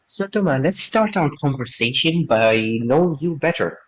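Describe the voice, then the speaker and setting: A man's voice: on the high side, expressive, low-quality recording. Formal male podcast host. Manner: measured, formal phrasing. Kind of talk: scripted podcast introduction and questions.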